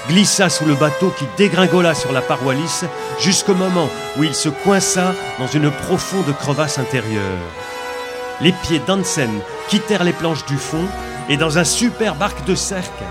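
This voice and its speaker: A man narrating a story as a scripted audiobook reading, with a measured storytelling delivery. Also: fairly high pitch.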